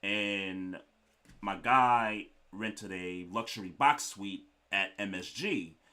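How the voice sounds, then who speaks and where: A man's voice: lowish voice, takes it slowly, pushed and bright. A man co-hosting a sports podcast, telling stories and teasing his guest in casual chat. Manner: storytelling, playful ribbing. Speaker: podcast co-host.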